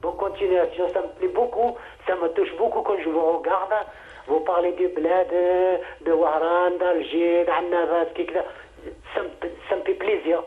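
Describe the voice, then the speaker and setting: An older or middle-aged man from Algeria, a native Kabyle speaker, chatting as a phone-in caller in halting, repetitive broken French with a Kabyle accent. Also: high voice, fairly even intonation. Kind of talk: casual phone chat. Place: phone call to a TV show. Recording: tinny phone line.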